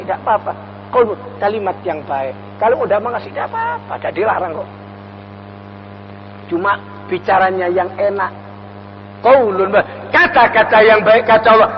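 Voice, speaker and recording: A man with a high voice and an East Javanese accent gives a mosque lecture in a prayer hall. He recites Arabic verses and then explains them in a homely, joking tone. The sound is dull and carries a long reverb, with a faint mains hum underneath. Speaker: Islamic preacher.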